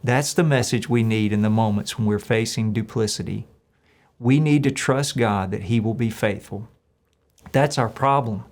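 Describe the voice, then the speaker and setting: A man's voice: lowish voice, moderate pace, a little mellow. A male pastor from the United States giving a short devotional sermon, speaking in an earnest, encouraging way.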